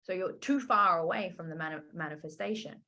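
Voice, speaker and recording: Woman, money mindset coach, casual and animated, acts out quotes on a group call. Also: fairly low pitch, brisk. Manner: animated, chatty, acts out quotes, many "like" and "right?".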